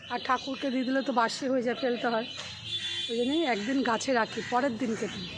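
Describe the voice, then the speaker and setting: Chatty, slightly hoarse woman outdoors. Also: fairly high pitch, background noise. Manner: chatty, rambling, talks fast. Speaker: vlogger. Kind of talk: casual garden vlog chat. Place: outdoors in a home garden.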